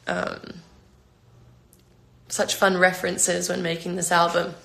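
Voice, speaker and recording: A London-accented singer in her twenties answers fans' questions casually on a phone livestream, rambling with lots of fillers and restarts. Her low-leaning voice is completely flat, slow-paced, gravelly and sharp. The room she's in is echoey.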